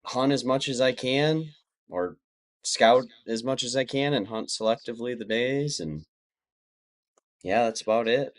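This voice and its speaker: A man's voice: medium pitch, unhurried. A man chatting casually as an interview guest, talking in a plainspoken, reflective way. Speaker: podcast guest.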